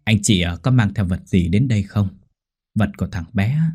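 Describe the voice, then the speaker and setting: Brief: gentle old seer, measured and low, husky, a man doing it. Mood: solemn. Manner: calm, measured. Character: calm old male fortune-teller, gentle and sorrowful.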